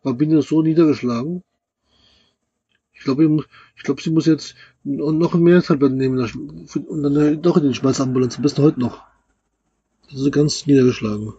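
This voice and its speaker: A man's voice: fairly high pitch, fairly even intonation, normal speed, vocal fry, long pauses, mellow, husky, no room sound. A middle-aged man in casual chat with his partner, teasing her and rambling on with amusement. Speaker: vlog host, partner. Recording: dull muffled dry sound.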